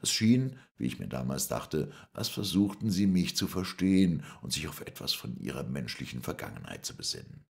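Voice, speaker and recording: A man narrating an audiobook in the first person with a dramatic, expressive reading. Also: rumbling low, brisk, gravelly, hardly any pauses.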